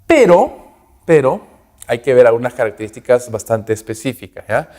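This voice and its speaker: A man's voice: mid-range voice, sing-song, normal speed, darkish tone. A man teaching English grammar in a recorded lesson, explaining in Spanish and giving English example words with their translations, checking in with "ok?" after almost every point. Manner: rhythmic, repeats each word with its translation. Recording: long reverb, roomy.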